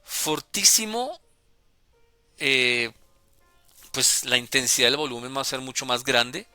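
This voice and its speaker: A man calmly explaining music notation as a teacher, deliberate and with small hesitations. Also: mid-range voice. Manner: deliberate, with hesitations and self-corrections.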